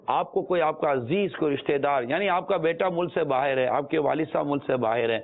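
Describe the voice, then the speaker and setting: A man from Pakistan giving an earnest religious talk as a preacher, often repeating his phrases to drive a point home. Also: a little high. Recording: tinny phone-like sound.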